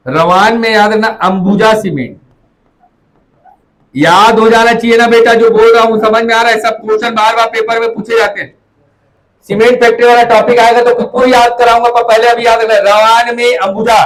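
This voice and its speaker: A man's voice: very high voice, poor audio. A man teaching a classroom lecture, repeating memory tricks and calling students "beta".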